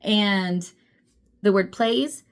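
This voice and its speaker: A young adult woman, a book vlogger, chats casually about books in a mid-range voice, drawing out her words. She laughs often and pokes fun at herself.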